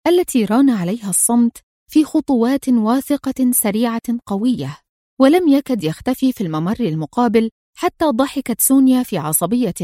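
Female audiobook narrator, dramatic thriller storytelling, higher voice. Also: warm tone, dry recording, clean studio sound. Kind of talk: scripted narration of a spy novel.

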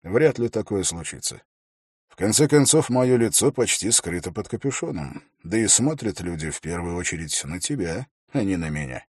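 A dry, wry old grey-bearded ranger, as a low-voiced man reads him, unhurried and gruff. The voice sits deep with a husky edge. The audiobook recording is close and dry. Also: lively intonation, a little mellow, no room sound.

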